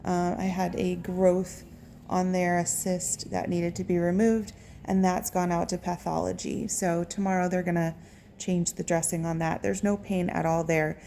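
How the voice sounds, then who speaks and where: A woman gives a casual update to camera in a lowish, mellow voice with plenty of vocal fry. She speaks haltingly, often pausing to find the next word. Faint room noise sits behind her. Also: little pitch movement. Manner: halting, pauses to search for words. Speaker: patient recording a recovery vlog.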